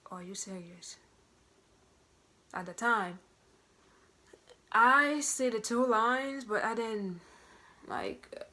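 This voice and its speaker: A young woman in casual story-time talk, retelling events in a chatty, animated way and acting out quoted dialogue, with features. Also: medium pitch. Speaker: vlogger.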